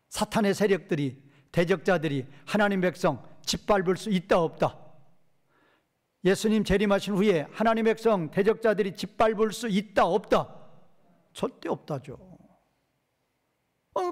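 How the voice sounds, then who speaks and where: A male pastor giving an expository Bible lecture, posing questions to his hearers and answering them himself, reading verses slowly. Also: high-pitched, expressive. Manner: reads verses slowly and drawn out.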